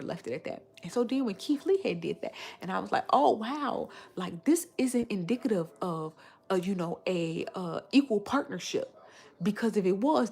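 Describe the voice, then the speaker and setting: A woman in her thirties from Chicago chats casually on a livestream, telling animated stories in a slangy, emphatic way and repeating phrases to drive her point home. Her mid-range voice is creaky and slightly rough.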